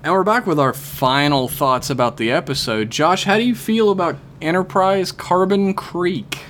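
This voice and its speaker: A man's voice: high-pitched, moderate pace, fairly bright tone, faint music behind. A man co-hosting a casual fan podcast, talking in an informal, irreverent, sweary way. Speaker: podcast co-host. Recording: faint background noise.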